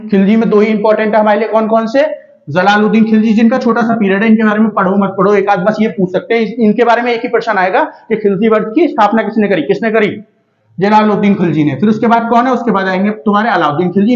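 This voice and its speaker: A man's voice: high voice, fairly even intonation, quick pace. A man teaching a casual history lesson for exam students, asking himself questions and answering them, checking in with listeners often. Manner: rhetorical questions answered himself, frequent checks like "theek hai". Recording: dull lo-fi recording.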